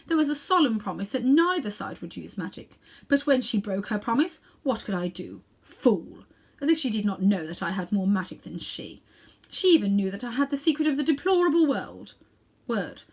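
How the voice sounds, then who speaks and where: Reading aloud from a children's storybook, a woman with a slightly high voice plays a proud, ruthless sorceress queen. Her delivery is haughty, emphatic and declamatory.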